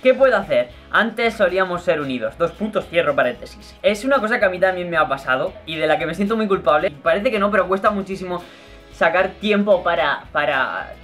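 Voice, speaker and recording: Answering questions for a casual vlog, this young adult from Murcia, Spain sits close to the camera in his bedroom while faint music plays underneath. He talks a little fast, expressive and fairly bright, his pitch slightly high and his Murcian accent light and mostly kept in check on camera. A chatty, playful YouTuber, he's quick to laugh and gestures a lot.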